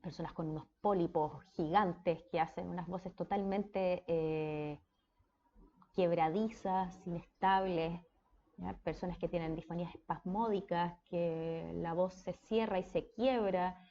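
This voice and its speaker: A woman's voice: on the low side, fairly even intonation, measured pace, dark tone, highs cut off. A woman with a Chilean accent giving a casual speech therapy lecture, often checking in with her students. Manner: conversational, checks in with frequent "¿ya?".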